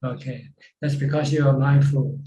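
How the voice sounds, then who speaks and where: A Thai Buddhist monk, whose first language is Thai, answers questions in a dharma Q&A over a video call. His male voice is flat and medium-pitched at a moderate pace, and his plain delivery repeats phrases as he explains. The roomy, dull call audio carries slight background noise.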